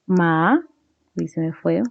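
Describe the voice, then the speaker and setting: A woman's voice: medium pitch, lively intonation, slow pace, dark tone, dry recording. A woman teacher explaining a grammar lesson step by step, often checking in with tag questions. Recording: dull lo-fi recording.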